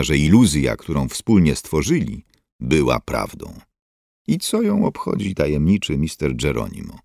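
A man reading a novel aloud as narrator, expressive and measured. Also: a bass voice, gravelly, no echo, clean studio sound. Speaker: audiobook narrator. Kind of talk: scripted narration.

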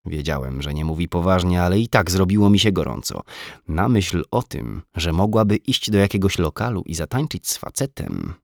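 A man's voice: low-pitched, big pitch swings, moderate pace, vocal fry, dry recording, studio quality. A man narrating an audiobook in the first person, reflective and brooding, with a self-mocking edge.

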